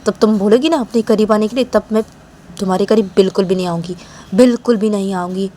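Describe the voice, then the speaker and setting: A woman's voice: medium pitch, quick pace, mellow, a little hiss or hum, close to an everyday voice. A woman voicing a hot-tempered, jealous young woman who scolds and threatens, repeating herself, in an amateur audio story. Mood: angry. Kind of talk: amateur storytelling with voiced dialogue.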